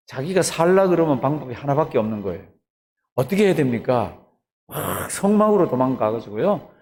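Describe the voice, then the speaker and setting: A man's voice: a little high, darkish tone. A man, a pastor, preaching an early morning sermon, retelling the story animatedly and asking the congregation questions.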